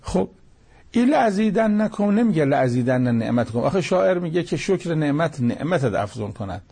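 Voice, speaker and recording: A man's voice: a little high, big pitch swings, vocal fry, dark tone, slightly rough. A man giving a religious commentary lesson, explaining each verse and repeating key phrases for emphasis. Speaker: Quran commentator.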